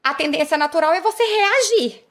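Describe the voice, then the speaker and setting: A woman with a very high voice, a police chief being interviewed, recounts her story briskly and with animation. Her retelling is vivid and dramatic, and she often speaks straight to the audience.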